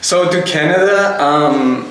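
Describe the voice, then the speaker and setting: A man's voice: a little high, slow pace, fairly bright tone, recorded from a distance, a little hiss or hum. A man in his thirties from Colombia with a Colombian accent, speaking English as a guest in a casual podcast conversation, thoughtful and hesitant. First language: Spanish. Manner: thoughtful, with frequent hesitations and restarts. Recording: echoey room, a little off-mic, faint ambience.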